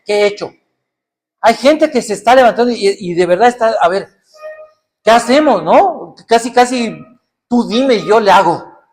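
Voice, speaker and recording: A man's voice: high voice, expressive, moderate pace, pauses often, a little mellow. A middle-aged man preaching a sermon, firing off rhetorical questions and acting out people's excuses. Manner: rhetorical questions, acts out excuses in other voices.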